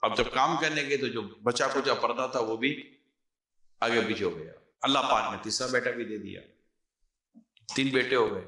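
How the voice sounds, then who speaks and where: Bright-voiced male preacher telling a story. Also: mid-range voice, long pauses. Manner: animated, acts out the characters, mixes in English words. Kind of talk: sermon storytelling. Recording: roomy echo.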